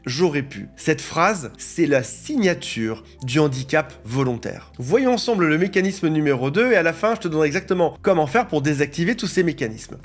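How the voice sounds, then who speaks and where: A man coaching viewers on psychology, explaining ideas in a direct, teaching way. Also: on the high side. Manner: didactic, addresses viewer directly, lists examples.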